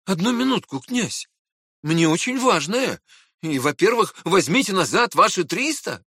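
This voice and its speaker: A man's voice: sits high, measured pace, husky, no room sound, studio quality, voice pushed up, exaggerated voice. A man reading aloud and voicing a proud, hot-tempered young man who argues with indignant urgency. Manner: excited, indignant pleading.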